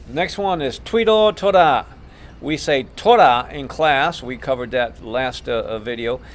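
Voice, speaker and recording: A man's voice: mid-range voice, measured pace. A middle-aged man, a martial arts instructor, teaching class terms in an instructional video, patiently repeating each term.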